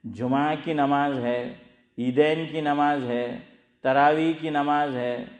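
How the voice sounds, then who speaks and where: Preacher man, kinda high voice, lots of echo, keeps asking the crowd "got it?". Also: steady tone, a little mellow. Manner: explains with questions to the audience, repeats key points. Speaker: Islamic scholar giving a talk. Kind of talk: conversational sermon.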